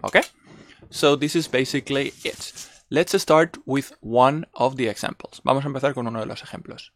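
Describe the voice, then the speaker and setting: A man teaching a bilingual language lesson, going slow and repeating each word, switching between Spanish and English. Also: mid-range voice. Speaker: Japanese teacher.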